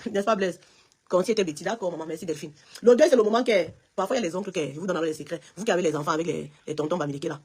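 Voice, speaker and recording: Woman, Cameroonian French accent, husky voice, very fast talker, emphatic live-stream chat, addresses viewers by name. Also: mid-range voice. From Cameroon, West region.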